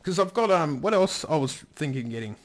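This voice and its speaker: A man's voice: on the high side, lively intonation, fairly quick, a little hiss or hum. Rambling man chatting on a livestream. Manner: rambling, thinks aloud, swears casually. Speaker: livestream host reading chat. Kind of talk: casual live-stream chat.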